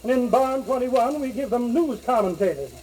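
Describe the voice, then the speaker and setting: A man's voice: very high-pitched, lively intonation, normal speed. A man playing a polite, officious dairy attendant in a 1940s radio comedy. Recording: noisy old 78 record.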